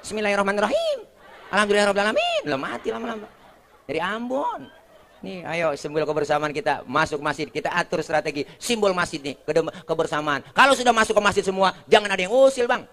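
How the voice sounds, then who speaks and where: Man, Betawi accent, comic preacher, pitch sits a bit high; bantering with the crowd, quick put-on voices. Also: sharp tone. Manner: jokey, keeps asking the crowd for agreement. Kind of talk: comic sermon.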